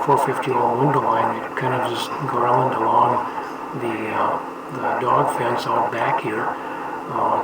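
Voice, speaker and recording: A man's voice: mid-range voice, gravelly. An older man in rambling, folksy casual chat over a ham radio link, with many fillers. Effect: heard over a ham radio link. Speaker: amateur radio operator. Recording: noisy distant radio signal.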